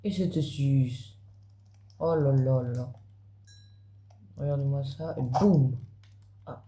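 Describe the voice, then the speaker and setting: A man's voice: medium pitch, takes it slowly, mellow. Chatty man with a roomy echo. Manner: chatty, talks straight to viewers. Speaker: gaming video creator. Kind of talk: casual gameplay commentary. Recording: roomy echo, faint background noise.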